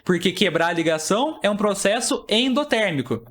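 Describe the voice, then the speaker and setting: A man's voice: high-pitched, lively intonation, a little fast, a bit bright. A young man teaching an exam-prep chemistry lesson, explaining step by step and asking and answering his own questions.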